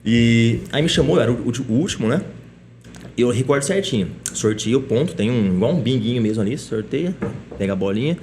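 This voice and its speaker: Fast-talking man telling a story. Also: medium pitch, a little hiss or hum. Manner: lively anecdotal telling, frequent tag questions. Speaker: police chief, podcast guest. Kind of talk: casual interview storytelling.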